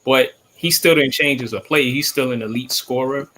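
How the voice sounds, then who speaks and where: A man co-hosting a casual sports talk show over a remote call, laying out steady, opinionated analysis. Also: mid-range voice, moderate pace, low-quality recording. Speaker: co-host.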